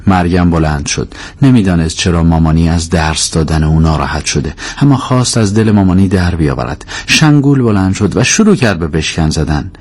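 A man reads a novel aloud in a low voice. His delivery is measured and even. He paces the narration steadily between the characters' lines. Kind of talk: audiobook reading.

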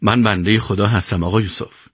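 A man voicing a humble, gentle young male fighter who is wounded. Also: on the low side, fairly even intonation, husky, no echo, studio quality.

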